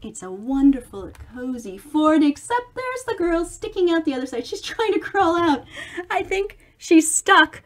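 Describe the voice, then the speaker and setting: A very high voice with big swings in pitch carries this middle-aged woman's unhurried picture-book reading. She reads for young listeners like a storybook performer, expressively stretching words for effect and chatting in between.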